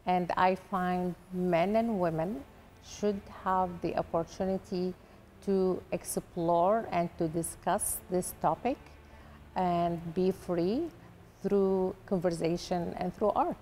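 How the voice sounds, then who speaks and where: A woman from Iraq with an Iraqi Arabic accent, an artist answering interview questions in slow, deliberate phrases. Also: on the low side, darkish tone, a little hiss or hum. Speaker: artist guest.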